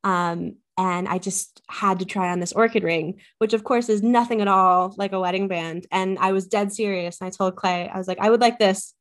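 A woman's voice: mid-range voice, fairly even intonation, normal speed, few pauses. Chatty woman guest with frequent ums. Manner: chatty, many ums, enthusiastic. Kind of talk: casual podcast interview.

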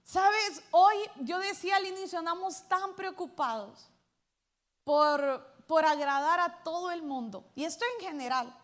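A woman pastor, preaching a sermon to her church, swinging between loud calls to the congregation and hushed asides. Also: extremely high pitch, measured pace.

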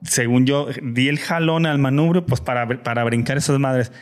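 A man's voice: medium pitch, normal speed. Slangy Mexican man telling a story. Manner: slangy, swears often, acts out quoted voices. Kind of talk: casual storytelling among friends.

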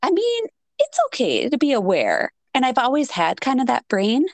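A woman's voice: high-pitched, huge pitch swings, moderate pace, no echo. A woman with a Minnesotan accent, co-hosting a podcast in casual chat. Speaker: podcast co-host.

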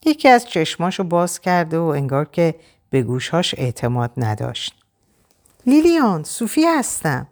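A woman narrating an audiobook in an expressive, dramatic reading style. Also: sits low.

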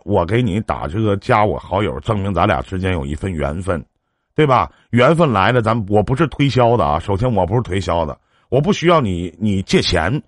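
A man with a Northeastern Mandarin accent hosts a live-stream relationship advice show, chatting on the phone in a brash, joking, big-brotherly way. It's casual phone counseling, and his lowish voice comes through clean studio sound with no echo.

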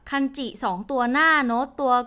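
A woman's voice: high-pitched, moderate pace, pushed and bright, smooth. A young woman hosting a podcast and explaining each point step by step in a chatty, casual way. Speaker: language podcast host. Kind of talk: casual spoken lesson.

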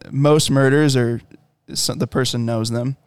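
A man's voice: medium pitch, steady tone, measured pace, clean tone, no echo, studio quality. A man in casual chat, telling long rambling stories with lots of fillers. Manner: rambling storyteller with many fillers.

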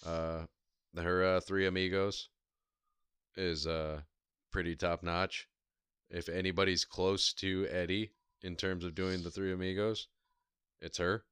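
A man in casual conversation, telling stories in a thoughtful, measured way with frequent ums. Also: sits low, flat delivery, a bit bright, clean tone, dry recording. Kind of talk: casual chat.

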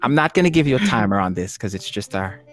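A man's voice: on the low side, very animated, fast talker, a bit bright, soft background music. A man hosting an online trivia game show for poets, chatty and jokey, laughing often.

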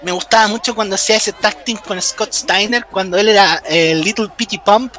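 A man's voice: high-pitched, moderate pace, pushed and bright. A man with a Chilean accent doing casual wrestling commentary in a slangy, jokey, enthusiastic fan's way. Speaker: wrestling commentator, podcast host.

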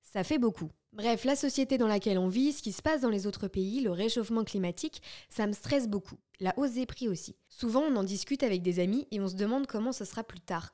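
A young woman talks through her thoughts on her own podcast. Her pitch sits in an ordinary middle range. She sounds chatty and self-questioning and often stops for small asides to her listeners. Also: dark tone. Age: young adult. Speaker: podcast host. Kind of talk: solo podcast talk.

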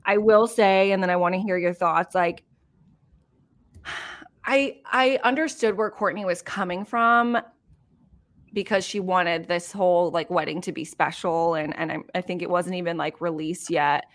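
A woman's voice: on the low side, measured pace. A chatty woman hosts a podcast, talking loosely with a friend. She rambles, giggles often and leans on filler words. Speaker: podcast host. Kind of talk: casual chat.

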